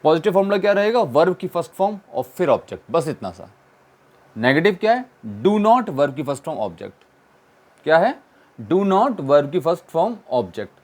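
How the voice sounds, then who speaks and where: Man teaching grammar with a raised pitch. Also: sing-song, brisk, darkish tone. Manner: asks questions and answers them himself, repeats key points. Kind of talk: classroom-style explanation.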